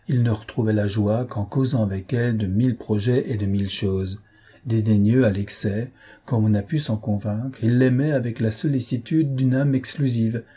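A man narrating a novel as an audiobook reader, in a measured storytelling manner. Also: lowish voice, dark tone, slightly rough.

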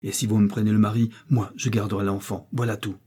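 A man's voice: on the low side, level tone, fast, mellow, slightly rough. A man reading the part of a young miller's wife who defies her cruel mother-in-law, speaking with heated, trembling defiance. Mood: impassioned.

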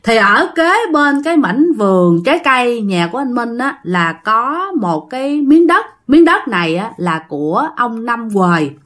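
A woman with a Southern Vietnamese accent tells a ghost story in a loose, chatty way. She speaks straight to her listeners and sprinkles in plenty of fillers, her voice sitting a little high. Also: sing-song, measured pace, few pauses, a bit bright. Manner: chatty, addresses listeners directly, many fillers. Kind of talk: casual spoken ghost story.

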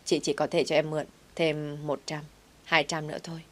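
A well-off woman who speaks bluntly and teases, with a low, steady voice. A woman reads her lines in a story narration. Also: a little fast. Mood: matter-of-fact.

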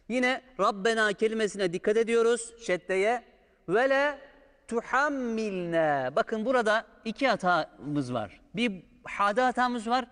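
Here a man's high-pitched, fairly bright voice guides a step-by-step recitation lesson on the Quran. Long hall reverb surrounds him as he patiently elongates sounds to model the right pronunciation.

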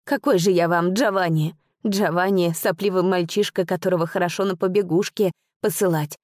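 A woman's voice: lowish voice, fairly even intonation, moderate pace, a little mellow, dry recording, studio quality, close to an everyday voice. A woman voicing a tall, ageless shadow man who mumbles shyly and then laughs shamelessly, in a storybook reading. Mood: bashful mocking. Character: shy tall ageless male shadow, giggling.

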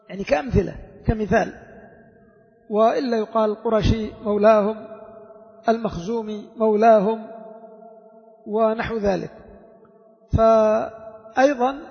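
A man teaching jurisprudence as a sheikh, unhurried, repeating each key phrase and quizzing his listeners. His voice sits very high and carries a gravelly fry. The recording is dull and muffled, with a long reverb. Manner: explains slowly, repeating key phrases and asking the class questions. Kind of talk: classroom lesson explaining a legal text. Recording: dull, echoey hall recording.

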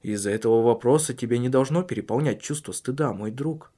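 A man voicing a calm, measured husband in an audiobook, speaking earnestly and carefully. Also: mid-range voice, close to an everyday voice. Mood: earnest, probing.

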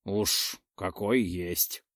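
A man reading aloud and voicing a greedy, sly male troll who haggles in a slow, bargaining manner. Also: lowish voice, no echo, studio quality, natural voice. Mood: sly, haggling.

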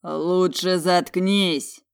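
A woman's voice: sits low, steady tone, moderate pace. A woman reading an audiobook, voicing a proud, hot-tempered young male dragon general who growls his words through clenched teeth. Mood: furious.

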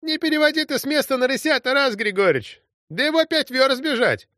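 A shrill young Cossack whines in a high, womanish, tearful voice, as a male narrator puts him on. His pleading climbs and swoops wildly. The recording is dry and close. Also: animated, a little fast, sharp tone, no room sound, full character voice. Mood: wailing complaint. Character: wailing young male Cossack platoon leader.

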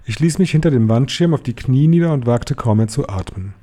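Mellow-voiced man reading a story. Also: mid-range voice, lively intonation, a little fast. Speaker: reader. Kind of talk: reading a children's novel aloud.

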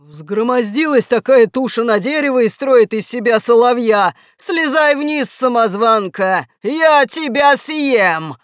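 A woman's voice: very animated, no echo, studio quality. A woman voicing an envious, bloodthirsty cow in a storybook reading, bellowing her lines. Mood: greedy. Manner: drawn-out lowing shouts.

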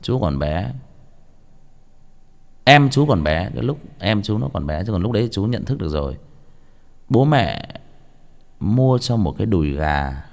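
Young man, low voice, rambling storytelling read with stammers. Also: big pitch swings, measured pace, vocal fry, long pauses. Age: young adult. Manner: casual, stammers and repeats words. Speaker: audiobook reader. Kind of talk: rambling spoken monologue.

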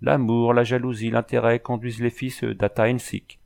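A man's voice: mid-range voice, flat delivery, moderate pace, vocal fry, a little mellow, close to an everyday voice. A man voicing an old sorceress who speaks in solemn, cryptic riddles. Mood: oracular. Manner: solemn, oracular speech in riddles.

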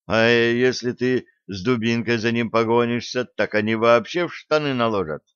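A gruff, bossy starship captain, as a man acts him out, barks orders in a commanding, irritable tone. His voice sits at an ordinary male pitch. The recording is dry and slightly dull, like a home audiobook. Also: moderate pace, a bit bright, dry recording, close to an everyday voice.

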